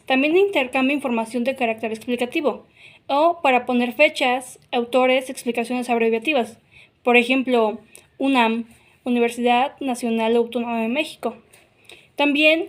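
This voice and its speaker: A woman teaches a grammar lesson in a fairly high voice. She explains patiently, step by step, and often adds "ok?" or "claro" to check that her listeners follow. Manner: explanatory, frequent "ok?" and "claro" fillers.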